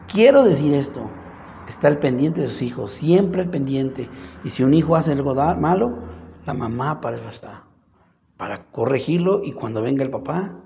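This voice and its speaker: A man's voice: vocal fry, mellow, a little hiss or hum. A man preaching a sermon, questioning the congregation, reading scripture and acting out quoted dialogue. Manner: asks the congregation questions and reads scripture aloud; acts out quoted dialogue in higher voices. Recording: reverberant hall, dull lo-fi sound.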